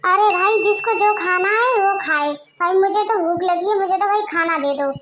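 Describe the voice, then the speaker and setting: A shrill, very high-voiced older aunt played by a woman who scolds and orders everyone around. She is stern on the surface and caring underneath, in a domestic family drama. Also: moderate pace, a bit bright. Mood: bossy. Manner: scolding, domineering.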